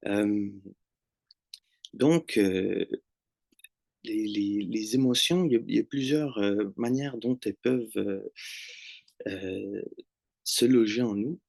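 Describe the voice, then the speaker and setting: A man from Montreal with a Québécois French accent, presenting a somatic workshop on a video call and speaking slowly and hesitantly, with many fillers. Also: on the low side, gravelly, a little mellow, dry recording. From Montreal, Quebec. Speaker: massage therapist presenting a retreat workshop. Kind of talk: online presentation.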